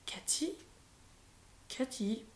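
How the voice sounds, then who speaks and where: A woman voicing a gentle, doting grandmother over sixty, speaking softly and tenderly in a roomy space. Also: high voice, fairly quick. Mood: wistful. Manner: soft, tender, drifting into whispers. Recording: roomy echo.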